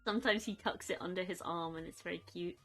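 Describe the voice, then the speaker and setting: A young woman chatting casually on a live stream from her bedroom, soft and rambling, cooing at her pets. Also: fairly low pitch, fairly even intonation, quick pace, faint music behind.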